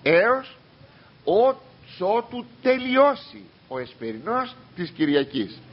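A man preaching a sermon as a priest, reading scripture and arguing with imagined objectors in a rhetorical, questioning manner. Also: on the high side. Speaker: priest teaching a congregation. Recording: dull lo-fi recording.

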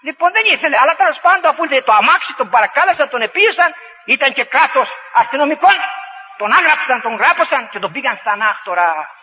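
A very high, very bright male voice preaches a folksy story as a sermon, using repeated phrases and building exhortations in a sing-song cadence. The sound resembles a dull radio broadcast with a long hall reverb.

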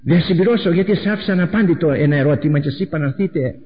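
A man preaching a sermon with a dramatic delivery, repeating phrases and swinging between loud outbursts and hushed asides. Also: on the high side. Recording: echoey hall, dull lo-fi recording.

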